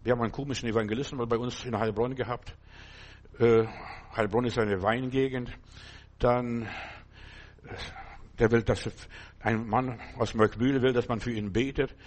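A man preaching a sermon in German, animated, addressing listeners directly and breaking into sudden emphatic bursts. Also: medium pitch, normal speed, long pauses. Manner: addresses listeners directly, often asks "verstehst du".

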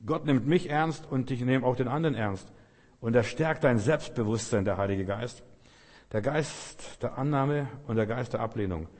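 A male preacher giving a fervent sermon, dropping to soft murmurs and rising to loud outbursts. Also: medium pitch, normal speed. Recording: long hall reverb.

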